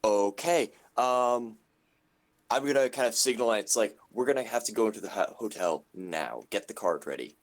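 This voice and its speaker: A man's voice: on the low side, lively intonation, moderate pace. A young man playing a tabletop game, talking through his plans with hesitant restarts. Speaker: player. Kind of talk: casual chat at a tabletop game.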